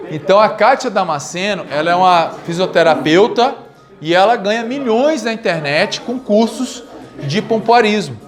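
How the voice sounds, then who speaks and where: A man in his forties giving a live classroom lecture, from Brazil, coaching students through exercises with lively repeated commands. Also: high-pitched. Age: 40s. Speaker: physical education lecturer. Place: classroom with audience.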